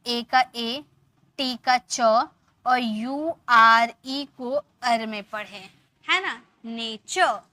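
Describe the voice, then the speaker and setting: A woman's voice: on the high side, pushed and bright, no room sound. A woman teaching English pronunciation rules, patiently repeating example words and asking her students questions.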